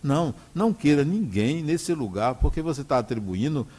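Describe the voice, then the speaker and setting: A middle-aged Brazilian man speaks with a Brazilian Portuguese accent, delivering an inspirational spiritual talk. His pitch swings widely as he shifts between storytelling and reflection, and he keeps checking in with his listeners. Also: lively intonation, normal speed, warm tone, slightly rough. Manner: conversational, often asks "né?" to the audience. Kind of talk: inspirational talk with personal stories.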